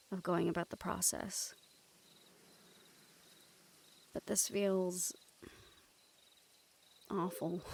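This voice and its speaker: In an intimate audio roleplay, a woman plays a young woman with dangerous powers who feels remorseful and worn out. She speaks to the listener softly and hesitantly in a fairly low, creaky voice, sounding guilty and weary.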